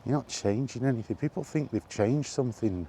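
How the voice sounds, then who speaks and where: On the move in a casual solo vlog, a man rambles and complains wearily in a warm, mid-range voice. He speaks briskly, with ambient noise behind him and a faint hiss or hum.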